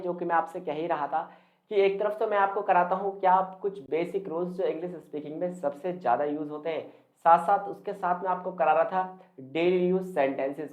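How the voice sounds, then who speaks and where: A man teaching English pronunciation in Hindi, repeating words and quizzing the viewer. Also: fairly high pitch. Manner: repetitive, quizzing the viewer, stretching words slowly. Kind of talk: Hindi-language spoken English lesson. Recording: tinny phone-like sound, echoey room.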